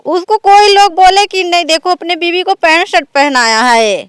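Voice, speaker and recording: A woman's voice: extremely high pitch, normal speed, no echo, studio quality. A woman who speaks plainly and defiantly, as an interviewee. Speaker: interviewee, wife making comedy videos. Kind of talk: casual interview talk.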